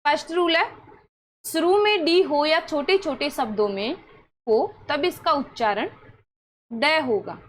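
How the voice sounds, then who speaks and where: A woman's voice: high voice, slight background noise, poor audio. A woman with a Hindi accent teaching English pronunciation rules, asking questions and answering them herself in an encouraging way. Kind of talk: classroom-style pronunciation lesson.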